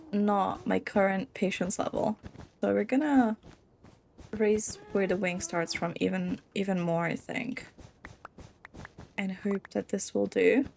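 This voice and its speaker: A woman's voice: medium pitch, gravelly, a little mellow, a little hiss or hum. A tired young woman giving casual, rambling gameplay commentary, giggling often and poking fun at herself. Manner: giggly, rambling and self-deprecating. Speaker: Minecraft let's play creator.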